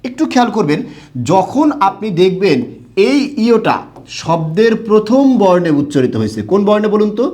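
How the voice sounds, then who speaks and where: A man's voice: high voice, mellow. A young man from Bangladesh teaching a grammar lesson, asking the class questions and answering them himself.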